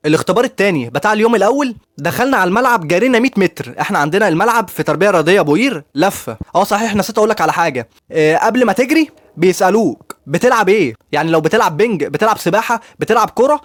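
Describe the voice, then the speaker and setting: A young adult man with an Egyptian accent talks rapidly and chattily in a casual vlog, telling his own story and giving student advice directly to his YouTube viewers. His voice is high-pitched with lively intonation, captured in a dry, studio-quality recording.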